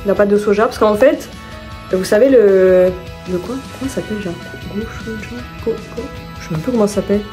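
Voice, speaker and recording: A woman vlogs casually at home over music, speaking fairly quickly in a mid-range voice. She rambles through her shopping haul, often stopping to correct herself and laughing at her own slips.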